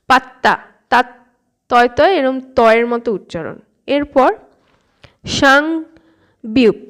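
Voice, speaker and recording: A woman with a high, light voice gives a relaxed online language lesson. She sounds out each syllable slowly, repeats it, and keeps asking her viewers whether they follow. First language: Bengali. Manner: patient, repeats sounds slowly, asks "okay?" often. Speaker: Korean language teacher. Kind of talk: casual spoken lesson.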